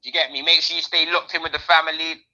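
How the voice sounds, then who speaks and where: A man's voice: on the high side, little pitch movement, quick pace, sharp tone, low-quality recording. A man co-hosting a podcast in casual, opinionated, slangy chat. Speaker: podcast co-host.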